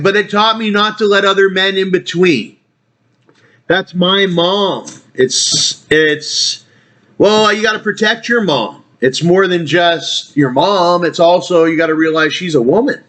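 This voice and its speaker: A man's voice: sits high, unhurried, fairly bright tone. A man talking in a rambling casual monologue, trailing off and restarting, swearing casually. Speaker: vlogger.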